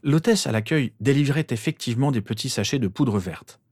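A man narrating a story aloud with expressive intonation. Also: medium pitch, a little fast, no room sound, studio quality. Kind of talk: storybook reading.

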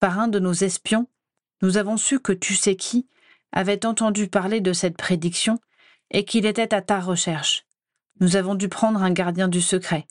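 A woman voicing an anxious, protective mother of a teenage wizard in a fan-fiction audiobook, softly worried and coaxing. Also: mid-range voice, fairly even intonation, normal speed, no room sound, studio quality, lightly acted. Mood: fearful recollection. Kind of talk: audiobook character voice.

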